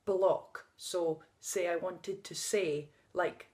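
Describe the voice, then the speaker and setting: A woman in her thirties records a personal vlog outdoors on a sunny day, speaking openly, emotionally, and without a script, laughing now and then. Her stutter shows as blocks on first sounds; her lowish, darkish voice stays steady and very slow.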